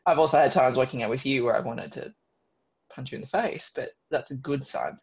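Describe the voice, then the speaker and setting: A woman's voice: very deep voice, brisk, a little mellow, muffled recording. A woman with an Australian accent co-hosting a casual podcast chat, frank and joking in a blunt way. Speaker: podcast co-host.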